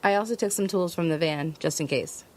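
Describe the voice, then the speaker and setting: An actress voices the lead and first-person narrator of an audio drama: a resourceful, stubborn female survivor traveling west. She narrates and speaks tersely and matter-of-factly in a natural, lowish, darkish voice at a fairly quick pace.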